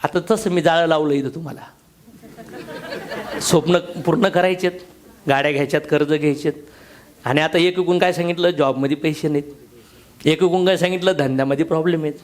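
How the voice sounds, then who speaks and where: A man's voice: a little high, steady tone, a little fast, pauses often. A man giving a motivational business seminar talk to a live audience, blunt and slangy, joking and firing questions at the crowd.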